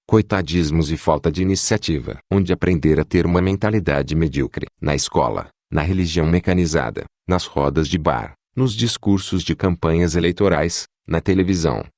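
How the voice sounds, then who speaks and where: A man with a very low, deep voice reads audiobook narration in a steady, assertive manner. He sounds close to the microphone. The recording is dry, with no room echo. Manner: steady, assertive motivational delivery.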